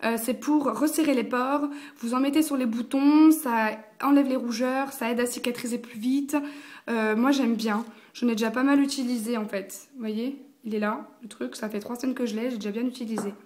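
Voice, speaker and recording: A woman's voice: on the high side, steady tone, normal speed, darkish tone. A young woman, chatting casually through a makeup review, full of fillers and slang. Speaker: beauty vlogger.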